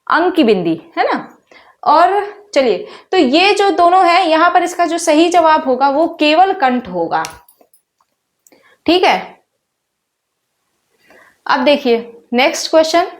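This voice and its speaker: A woman teacher with a high voice walks through exam questions at an unhurried pace. She keeps quizzing her students and says each sound out loud, drilling it. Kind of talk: exam-prep lesson.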